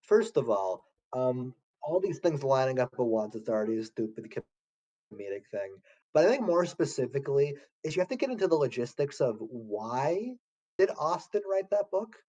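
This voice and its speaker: Young man, dark voice, lo-fi podcast. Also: very animated, normal speed. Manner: loose, slangy, swearing, laughing at lowbrow jokes. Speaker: podcast co-host. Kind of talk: casual chat.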